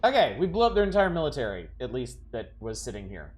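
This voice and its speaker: A man's voice: medium pitch, big pitch swings, quick pace, a little hiss or hum. A man streaming a video game, thinking aloud in a casual, wry way. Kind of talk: casual gameplay commentary. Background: faint game music.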